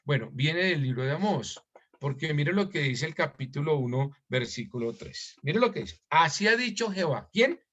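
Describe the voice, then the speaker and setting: Male pastor, slightly high voice, emphatic sermon delivery with sudden rises, muffled recording. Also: normal speed. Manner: reads scripture aloud and asks the congregation questions; lively and emphatic, with sudden rises in pitch and loudness.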